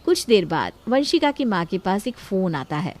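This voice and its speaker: A woman narrating a family story in a calm storytelling tone. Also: medium pitch, moderate pace. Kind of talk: scripted narration.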